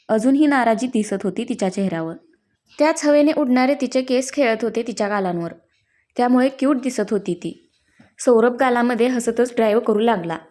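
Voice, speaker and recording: A woman reading a story aloud, narrating at an even pace and lifting her voice a little for the characters' lines. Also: on the high side.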